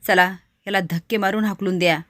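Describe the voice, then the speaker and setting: A woman voicing an imperious, scheming rich woman who barks orders and shouts at an intruder. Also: mid-range voice, steady tone, a little fast, no echo, clean studio sound, close to an everyday voice. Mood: commanding. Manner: shouting, commanding.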